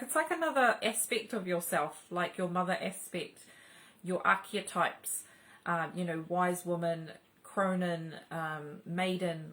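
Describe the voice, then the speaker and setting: Woman, middle-aged, spiritual host, casual rambling talk, fillers and restarts, slightly low pitch. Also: a bit bright, low-quality recording.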